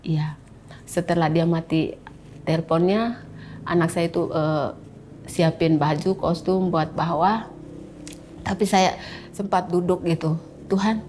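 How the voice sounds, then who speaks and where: A woman's voice: sits low, a little mellow, slight background noise. A woman telling her personal story in an interview, speaking to the host as "Kak" and acting out the voices of the people in her story. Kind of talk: emotional personal testimony in an interview.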